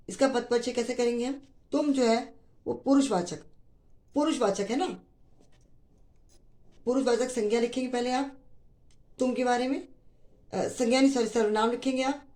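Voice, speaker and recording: A woman's voice: fairly high pitch, mellow. A woman teaching a grammar lesson to school students, explaining patiently and repeating key phrases, with mixed in. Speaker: Hindi teacher.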